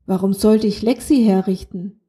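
A woman's voice: mid-range voice, fairly even intonation, normal speed, dark tone, natural voice. A woman voicing a young alien girl in a children's audiobook, flustered and defensive about her feelings. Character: young alien girl, shy and touchy in love.

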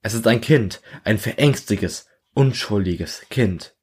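A man reads his own short story aloud, speaking in second person. His low voice stays measured and earnest. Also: a little mellow, slightly rough. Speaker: narrator.

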